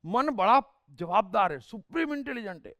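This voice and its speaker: A man, a spiritual speaker and life coach, gives an emphatic discourse full of rhetorical questions and sharp asides. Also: high voice, lively intonation, normal speed, no room sound.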